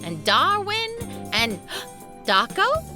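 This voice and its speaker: A woman's voice: very high voice, wildly swooping pitch, drawn-out words, music in the background, full character voice. A woman voicing a curious, bubbly young female friend reading aloud in a cartoon. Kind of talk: cartoon voice acting.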